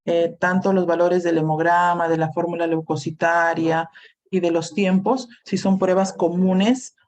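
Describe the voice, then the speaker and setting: A woman's voice: lowish voice, level tone, a little slow, darkish tone, highs cut off. A woman lecturing a university class over a video call, explaining steadily and checking in with the students as she goes. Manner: explains plainly, checks in with "¿no?", "¿sí?" and "este" fillers. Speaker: university clinical lab lecturer.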